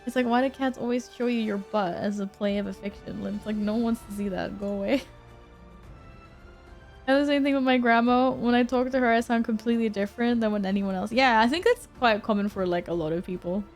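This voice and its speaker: A chatty young woman, talking with her viewers in a relaxed, casual way. Her voice sits a little high, with faint music playing under it. She reads messages aloud and laughs easily. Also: fairly quick. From Sweden. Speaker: streamer. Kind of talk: casual chat with stream viewers. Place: apartment room at home.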